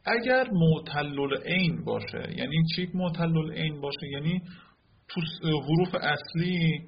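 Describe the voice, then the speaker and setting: A man's voice: a little high, animated, gravelly. A man teaching a classroom lecture, explaining step by step and often checking whether his listeners follow. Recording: lo-fi recording with faint noise.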